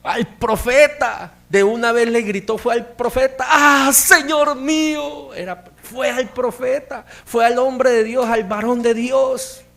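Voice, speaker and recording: A middle-aged man preaches a sermon in a fairly high voice. He tells his story plainly, then climbs into emphatic, rising bursts of conviction. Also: fairly even intonation, unhurried, gravelly, hardly any pauses. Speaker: pastor. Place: church hall.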